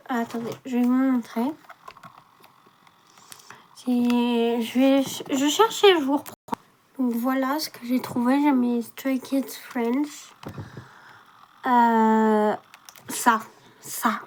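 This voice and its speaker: A woman's voice: high-pitched, slight background noise. A woman chatting casually to viewers while unboxing, trailing off and restarting often. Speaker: vlogger.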